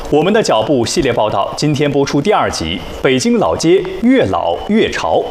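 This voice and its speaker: A man reading the news as a TV anchor in standard Mandarin, with formal, measured delivery. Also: medium pitch, sing-song, slight background noise.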